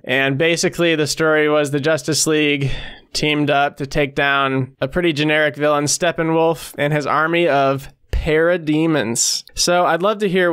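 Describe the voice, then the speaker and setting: A man's voice: on the high side, a bit bright, clear, resonant tone. An American man hosting a panel discussion podcast. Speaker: podcast host.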